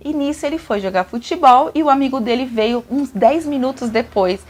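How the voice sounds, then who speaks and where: A woman's voice: high voice, brisk, a little mellow. A young woman with a Brazilian Portuguese accent, confiding a personal story to her viewers in a chatty way. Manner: chatty, addresses viewers directly. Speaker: vlogger. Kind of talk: emotional personal confession.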